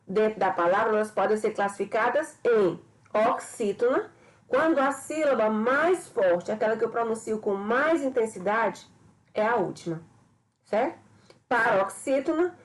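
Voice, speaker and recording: A woman's voice: on the high side, rough recording. A woman teacher giving a recorded grammar lesson, explaining patiently and often checking with her students. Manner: explanatory, repeats points and checks with "certo?".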